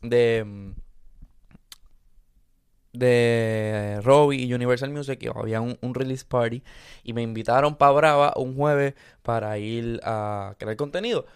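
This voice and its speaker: Smooth-voiced man telling a story. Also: medium pitch, a little slow. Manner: relaxed, rambling, with many restarts and fillers. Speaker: content creator, podcast co-host. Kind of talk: casual storytelling chat. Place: studio in Miami.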